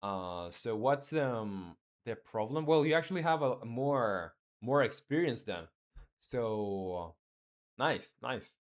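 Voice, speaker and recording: A man's voice: medium pitch, animated, takes it slowly. A man from Chile, a game developer on a live stream, thinking aloud as he codes and chatting with viewers. He hesitates a lot, with many fillers and restarts, and answers his viewers in a friendly way. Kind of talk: casual live-stream coding chat.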